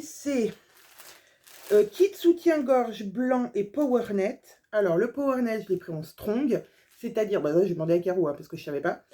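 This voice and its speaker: A woman's voice: mid-range voice, mellow. A woman sewing vlogger chatting casually through a haul video, gushing over small details with lots of fillers.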